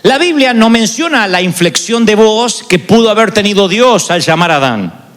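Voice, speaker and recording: A man's voice: sits high, animated, moderate pace, a bit bright, big-room sound. A male pastor preaching a sermon, confessional and dramatic in his storytelling. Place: large church arena.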